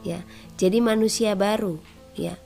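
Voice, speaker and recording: A woman preacher giving a sermon with personal testimony, telling her story in an animated way and often adding "ya". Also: medium pitch, measured pace, gravelly, soft background music. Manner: animated storytelling, frequent "ya" tags.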